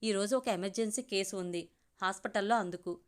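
A woman reading the part of a caring young male doctor and husband in a gentle, reassuring way. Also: mid-range voice, fairly quick, clear, resonant tone, lightly acted.

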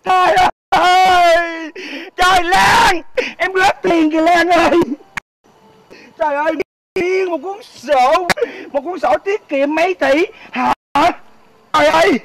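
A man's voice: very high voice, a little slow, background noise. A man with a Southern Vietnamese accent playing a heartbroken, jilted man in a comedy sketch, wailing and sobbing melodramatically.

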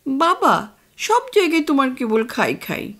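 A woman's voice: high voice, big pitch swings, unhurried, fairly bright tone, pitched above the performer's own voice, exaggerated voice. A woman voicing a playful young daughter. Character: young adult daughter, playful, gently chiding.

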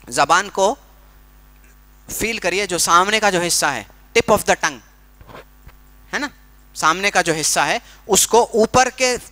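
A man teaching Quran recitation in a workshop, explaining pronunciation patiently with everyday comparisons and slow, drawn-out demonstrations. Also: a little high, pushed and bright.

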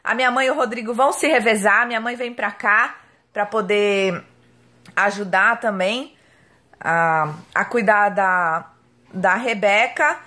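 A woman's voice: mid-range voice, a little slow, sharp tone. A woman, chatting casually to viewers in a home vlog as a mother, with frequent tag questions. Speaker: mother and vlogger.

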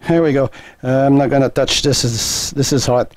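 A man's voice: mid-range voice, steady tone, normal speed, no echo. A man hosting a welding channel, casually demonstrating and explaining in his home garage workshop, thinking aloud with many fillers and restarts. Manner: matter-of-fact, thinking aloud.

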